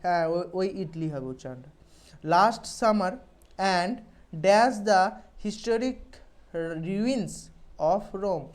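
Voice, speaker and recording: A woman's voice: medium pitch, drawn-out words, long pauses, a little mellow. A woman, explaining English exam questions in a casual lesson and checking in often with her students. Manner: conversational, checks in with "okay?" often.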